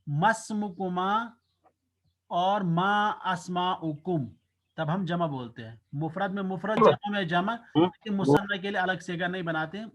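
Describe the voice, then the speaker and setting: A man teaching an Arabic grammar class, drilling pronoun forms slowly and repeating each one. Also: high-pitched, noisy background.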